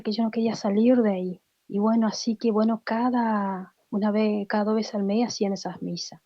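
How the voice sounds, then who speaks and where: A woman's voice: on the high side, mellow, no echo, highs cut off. A woman giving a heartfelt personal faith testimony, acting out the voices of people she quotes. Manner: emotional storytelling, acts out quoted voices.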